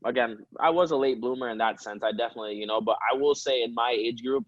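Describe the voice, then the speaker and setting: Talking fast in a mid-range voice, a professional soccer player in his early twenties chats as a relaxed, rambling interview guest who laughs a lot. The recording is dry and lo-fi.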